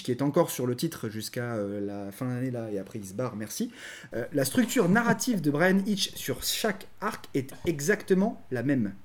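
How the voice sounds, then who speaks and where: A man's voice: mid-range voice, darkish tone. A man co-hosting a podcast, ranting animatedly in casual chat with frequent stammering restarts. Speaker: podcast co-host reviewing comics.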